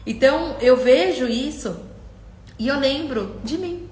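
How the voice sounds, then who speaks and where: Passionate woman coach, high voice. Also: animated, measured pace, darkish tone, roomy sound. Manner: passionate, speaks straight to viewers, quotes them in acted voices. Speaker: coach hosting a live stream. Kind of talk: emotional live coaching talk.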